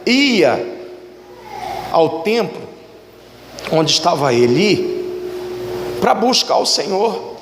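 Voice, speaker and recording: Male pastor preaching, high voice that swoops all over, echoey church hall w long reverb. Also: big pitch swings, extremely slow, pauses often, noisy background. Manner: emphatic preaching with sweeping pitch and direct calls to the congregation. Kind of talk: sermon. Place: church sanctuary.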